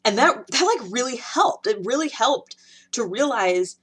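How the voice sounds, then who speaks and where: With a fairly high, expressive voice that's fairly bright and a bit breathy, a woman in her thirties from Ohio unhurriedly chats through a personal podcast monologue. She's rambling and full of fillers, frequent restarts, and "like."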